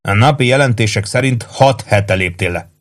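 A man's voice: lowish voice, a bit bright. A man reading the lines of a blunt, mocking male army first sergeant in a novel.

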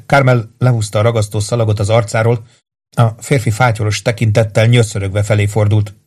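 A man reading a crime thriller audiobook in a steady, even narrating voice. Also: fairly low pitch. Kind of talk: scripted narration.

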